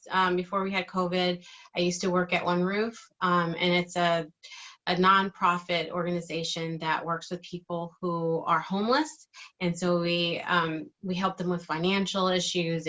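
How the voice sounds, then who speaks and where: A middle-aged woman speaks in a bright, clear-edged voice that sits a little low. She answers interview questions casually, feeling her way through phrases and letting some trail away. The recording is somewhat dull and lo-fi. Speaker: interviewee, digital marketing team member.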